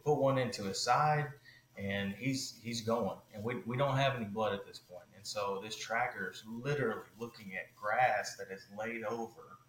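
Low-voiced man telling a rambling story. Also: moderate pace, reverberant, slight background noise, poor audio. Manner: animated, rambling with many fillers. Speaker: podcast guest. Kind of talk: casual storytelling.

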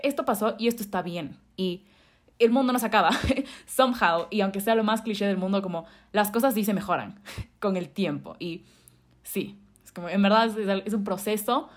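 Chatty young woman host. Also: mid-range voice. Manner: chatty, fillers like "o sea" and "como", mixes English words. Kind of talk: casual podcast chat.

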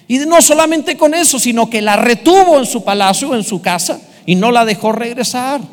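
Lively high-voiced pastor preaching in a hall. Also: male voice. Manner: lively, humorous preaching with asides to the congregation. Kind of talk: sermon.

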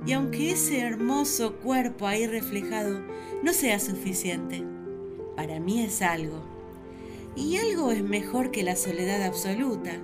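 A woman's voice: medium pitch, unhurried, over loud music, close to an everyday voice. Eve, a woman as the chatty first woman. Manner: chatty, wondering, expressive. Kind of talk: radio drama narration.

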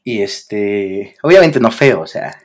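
Against crowd noise, a young man with a Mexican accent and a slow, lowish voice tells a story as a podcast co-host. He speaks casually with heavy slang, animatedly voicing the people he quotes.

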